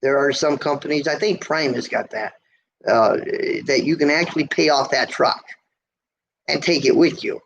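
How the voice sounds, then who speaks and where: Speaking at a moderate pace with a fairly bright tone, a gravelly yet squeaky-voiced trucker from the United States chats from a motel room on a livestream. He rambles folksily through viewer comments with frequent fillers and restarts, captured in lo-fi audio with faint noise.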